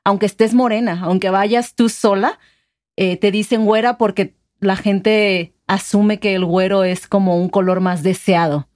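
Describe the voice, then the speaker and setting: A woman hosts a relaxed chat at a middle pitch. She explains ideas and keeps asking curious follow-up questions. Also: normal speed. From Mexico. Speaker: host. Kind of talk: casual conversation about regional words.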